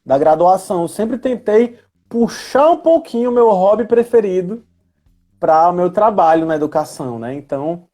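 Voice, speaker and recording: Faint music plays behind a chatty guest on a casual live chat: a history teacher and educational coordinator in his thirties from Ceará, Brazil, with a Northeastern accent. His voice sits high and mellow, with lively intonation and a moderate pace, and he often checks in with little tag questions looking for agreement.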